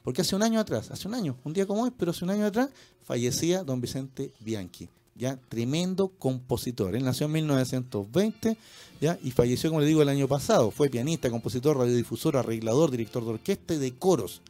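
A man's voice: medium pitch, animated, quick pace, dark tone. A Chilean man hosting a radio show, chatting casually about music and constantly adding little tag questions. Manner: peppers speech with tag questions. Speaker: radio host. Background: faint music.

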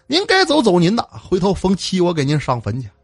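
A man's voice: sits high, huge pitch swings, brisk, breathy edge, dry recording, clean studio sound, voice pushed up, exaggerated voice. A man playing a blunt, impatient grown son.

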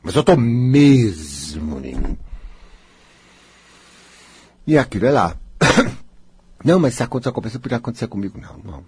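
Husky man, spiritual self-help speaker, lively and theatrical, dry close sound. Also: normal speed, long pauses, no echo. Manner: dramatic, acts out inner voices, swings high and low. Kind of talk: guided self-help talk.

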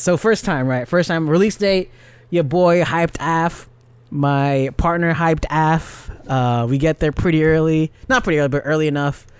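Young guy, casual podcast co-host, lively rambling storyteller, slightly high voice, dry sound. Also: clean tone, no echo. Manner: animated storyteller, laughs often, lots of "like" fillers. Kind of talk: casual chat.

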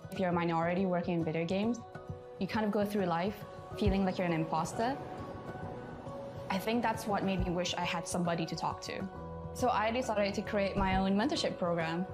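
A woman's voice: mid-range voice, brisk, music in the background. Earnest woman from Malaysia, game designer. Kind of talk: documentary interview narration.

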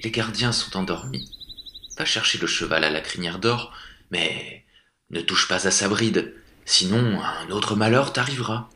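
A man's voice: on the low side, measured pace, slight background noise. Man doing a stern grey storybook wolf. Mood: calm. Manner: steady, scolding, then forgiving. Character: big grey talking wolf, stern but loyal helper. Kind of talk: storybook reading. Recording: echoey room.

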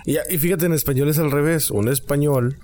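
A man with a Mexican accent, chatting casually as a podcast co-host, relaxed and joking. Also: a little high, brisk, a little hiss or hum. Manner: relaxed, joking, many short agreements. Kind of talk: casual chat.

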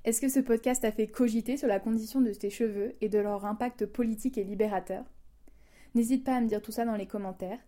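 A woman's voice: a little high, fairly even intonation, fairly quick, warm tone. A woman hosting a podcast, reading her narration from a script and speaking directly to her listeners. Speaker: podcast host.

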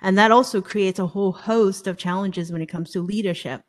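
A woman's voice: mid-range voice, fairly even intonation, a little fast. A middle-aged woman from Hong Kong, hosting an interview and sharing her own view in an engaged, reflective way. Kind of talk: conversational interview.

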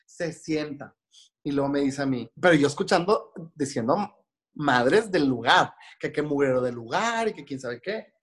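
Man, Mexican Spanish accent, somewhat high voice, hair and makeup stylist, casual podcast storytelling, acts out other people's voices. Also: animated, moderate pace, a bit bright. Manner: chatty, acts out voices of people in his stories.

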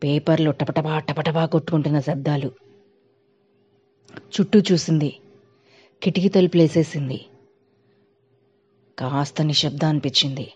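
A woman's voice: low voice, steady tone, measured pace, pauses often, breathy edge. A woman narrating a spooky tale in a dramatic, suspenseful storytelling manner. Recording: dull lo-fi recording.

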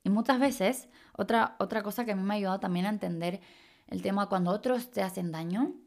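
A woman's voice: medium pitch, brisk. A young woman, a life coach talking loosely through a reflective podcast monologue. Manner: casual, loose, full of "o sea" and "como" fillers.

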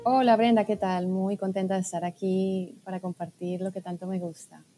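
A woman from Colombia, a guest talking through her story in a thoughtful, hesitant way with pauses. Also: mid-range voice, flat delivery, dark tone, faint music behind. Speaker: guest, food scientist and blogger. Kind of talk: casual podcast conversation.

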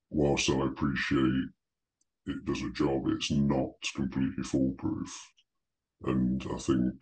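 Disguised, artificially deep male voice. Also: poor audio. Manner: measured, hesitant, frequent ums. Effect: voice changer pitching the voice very deep to disguise it. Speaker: anonymous guest, lead generator. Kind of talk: casual podcast interview.

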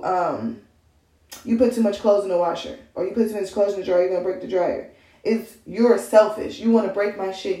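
A young woman talks through her thoughts in a casual podcast monologue, circling back and restarting as she goes. Her voice is mellow with a gravelly fry. It comes from a little way off the mic, in a roomy space. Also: medium pitch, far from the mic. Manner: musing, rambling with restarts. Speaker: podcast host.

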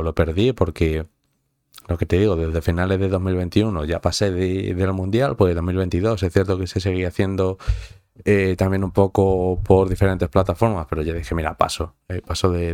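A young man from Madrid, Spain, with a Madrid Spanish accent chats casually with viewers, rambling and swearing amid plenty of fillers and restarts. His deep voice barely moves in pitch, runs at normal speed and sounds a little mellow, in clean studio audio with no room sound.

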